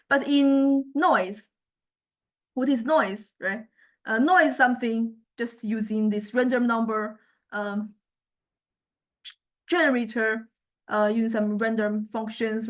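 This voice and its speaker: Explaining software in a relaxed demo, the lecturer, a woman with a slightly high-pitched voice, speaks in stops and starts. She works through her thoughts out loud while looking for the right terms.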